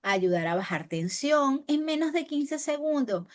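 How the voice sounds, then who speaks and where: Animated woman lecturing a class. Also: high-pitched, a little slow. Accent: Venezuelan Spanish. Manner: animated, swings loud and soft, asks rhetorical questions. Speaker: teacher of spokesperson training.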